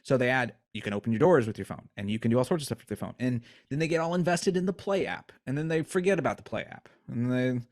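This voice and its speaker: Animated joking man podcast host. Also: medium pitch, fast, few pauses. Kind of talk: casual chat.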